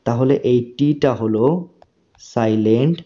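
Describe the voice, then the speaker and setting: A man teaching spoken English in a slow, patient way. He repeats each word and often checks that the learner has understood. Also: mid-range voice, dark tone, dull audio.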